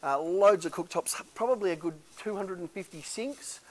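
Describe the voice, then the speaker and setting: Walking through a large indoor warehouse, a middle-aged auctioneer talks up the lots in a chatty salesman's patter loaded with fillers. His voice is high and his speed normal, and the recording quality is low.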